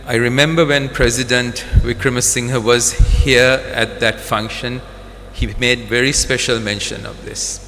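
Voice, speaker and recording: A man with a Sri Lankan accent delivers a formal official address. His voice is bright and forceful, with deliberate repetition for emphasis. It rings through a reverberant hall over faint noise. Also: mid-range voice, steady tone. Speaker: government or defence official speaking at a ceremony. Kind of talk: formal public speech.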